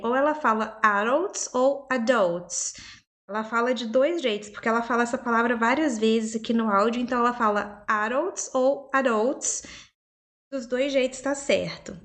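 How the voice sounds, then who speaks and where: A young woman, a native Portuguese speaker, teaching English pronunciation step by step and repeating words slowly. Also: a little high. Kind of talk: pronunciation lesson.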